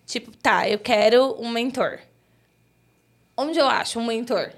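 Woman, interviewer, casual chat, tag questions, somewhat high voice. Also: measured pace. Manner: conversational, frequent "né?" tags.

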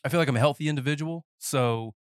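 A man's voice: a little high, fast talker, smooth, no echo, studio quality. A man in his thirties hosting a casual podcast interview, a little nasal and congested, rambling and joking as he talks. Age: 30s. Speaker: podcast host. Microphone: headphones and podcast mic.

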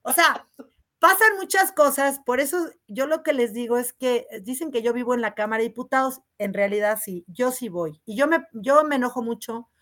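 Loud, resonant woman. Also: on the high side. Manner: animated, rapid storytelling full of "o sea" asides. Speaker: congresswoman guest. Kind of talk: casual interview talk.

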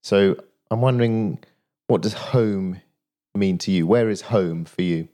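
Casting: low-voiced male interviewer, thoughtful and measured. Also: warm tone. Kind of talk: reflective conversational interview.

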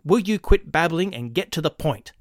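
A man's voice: a little high, expressive, normal speed, no echo, studio quality, voice pushed up, natural voice. A man doing a bellowing, bullying rich husband. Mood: angry bullying. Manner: gruff, barking, impatient.

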